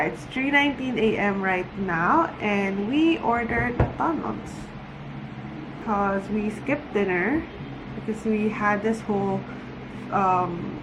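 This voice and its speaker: A Filipino book vlogger talks casually and giggles with her viewers in a rambling, conversational video diary filmed indoors at home. Her voice is medium in pitch, with noise in the background.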